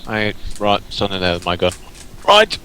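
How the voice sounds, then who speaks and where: A man's voice: low voice, little pitch movement, fairly quick, sharp tone, slight background noise. A man playing a tabletop game, barking bossy commands in character. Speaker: player. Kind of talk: casual tabletop chat.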